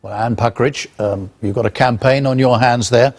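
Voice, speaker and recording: A man presenting the news and interviewing a guest with polite, measured questions. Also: medium pitch, steady tone.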